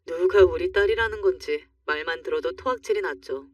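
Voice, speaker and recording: A woman narrating a true-life story in the first person, calm and confiding, in storytelling style. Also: lowish voice, a little fast, no echo. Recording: dry, muffled, slightly distant.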